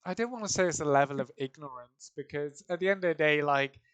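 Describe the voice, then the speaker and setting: A young man with an English accent hosts a loose podcast conversation. He tells his stories with animated energy, laughing and cursing casually as he goes. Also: a little high, fast talker, clean tone. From England. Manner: animated storyteller, swears and laughs often. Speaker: podcast host. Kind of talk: casual chat.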